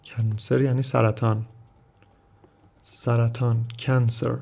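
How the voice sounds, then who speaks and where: A man with a gravelly, creaky voice at an ordinary middle pitch gives an English vocabulary lesson. His first language is Persian. He reads English phrases slowly and carefully, then explains them at length. Keyboard clicks can be heard behind him. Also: level tone, darkish tone. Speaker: English teacher.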